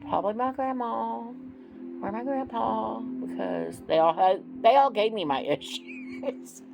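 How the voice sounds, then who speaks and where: A woman's voice: on the high side, a little slow, creaky, poor audio. A woman in her forties doing a casual tarot reading, chatty and self-deprecating with frequent ums. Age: 40s. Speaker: tarot reader. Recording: music playing behind.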